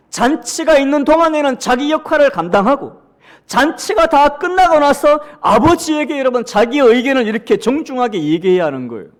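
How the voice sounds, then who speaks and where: Gyeongsang pastor preaching to the church, talks to the people a lot, goes loud then soft, high voice. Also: male voice. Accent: Gyeongsang Korean. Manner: dramatic, swings between loud emphatic lines and hushed asides; addresses the congregation often, reads scripture aloud with them. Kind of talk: sermon.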